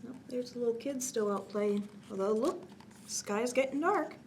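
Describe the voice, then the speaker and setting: Her voice a little high and her speed normal, a woman reads a picture book to children at bedtime with gentle expression, casual asides, and frequent dips to a near-whisper, over background noise.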